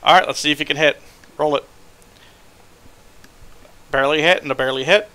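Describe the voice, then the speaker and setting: A man's voice: a little high, fairly quick, bright, forceful tone, smooth. A young man acting as game master, teasing his players and swearing casually at the table. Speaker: dungeon master.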